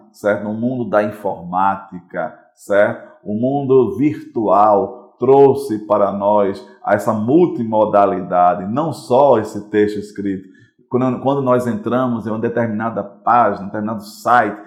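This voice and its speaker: A man's voice: lowish voice, echoey room. A Brazilian Portuguese-speaking male teacher giving a recorded online class, explaining patiently and often checking in with the students. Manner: explanatory, repeats points, checks in with "certo?".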